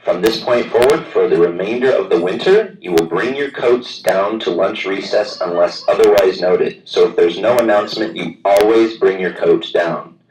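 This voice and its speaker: A man's voice: low-pitched, normal speed, few pauses. A man making a school announcement over the intercom, repeating his instructions in a plain, orderly way. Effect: school intercom loudspeaker. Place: classroom, through a wall speaker. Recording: echoey loudspeaker heard from far off.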